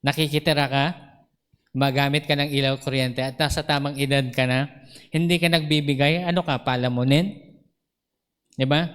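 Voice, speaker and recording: A man's voice: medium pitch, steady tone, moderate pace, long pauses, fairly bright tone, clean tone. A male pastor with a Filipino accent, preaching a storytelling sermon at a church service, laughing often and acting out dialogue. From Philippines.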